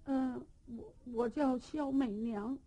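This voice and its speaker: A woman's voice: high-pitched, fairly even intonation, very slow, slightly rough, heavily acted. A woman voicing a frightened young woman who stammers timidly under questioning.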